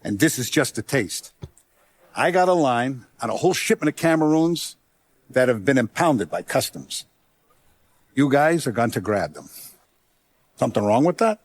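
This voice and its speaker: An actor voicing a hardened middle-aged mafia don in a video game, deliberate and authoritative, with streetwise gangster talk. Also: male voice, mid-range voice, animated. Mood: businesslike, scheming. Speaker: crime boss in a video game. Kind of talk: video game character acting.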